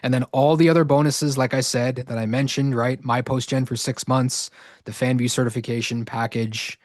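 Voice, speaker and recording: Brief: male webinar host, mid-range voice, dry close sound, a bit hoarse, keeps asking "right?". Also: medium pitch, fairly even intonation, normal speed, a little mellow, no echo. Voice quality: verbal tic, repeating "right?". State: slightly hoarse. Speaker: online course host. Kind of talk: live webinar sales pitch.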